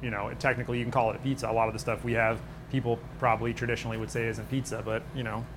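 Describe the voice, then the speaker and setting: A man from upstate New York talks in a casual, easygoing interview manner, feeling his way through informal stories. His pitch is average, and clear ambient noise sits behind him. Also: flat delivery, rapid-fire. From Buffalo area, New York, United States. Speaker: pizza restaurant owner and bartender. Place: on location at his restaurant. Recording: noisy location with background ambience.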